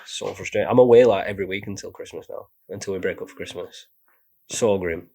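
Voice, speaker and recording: A young man, co-hosting a podcast while sick with the flu, talking in a laid-back, sweary way and trailing off quietly. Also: sits low, quick pace, vocal fry, slightly rough. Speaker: podcast co-host. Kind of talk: casual chat.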